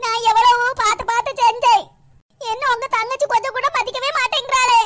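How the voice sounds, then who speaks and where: A woman's voice: very high voice, little pitch movement, fairly quick, a bit bright, no room sound. A woman with a Kanyakumari Tamil accent putting on a haughty sister-in-law in a cartoon, who complains and snipes. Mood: complaining. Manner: complaining, spiteful.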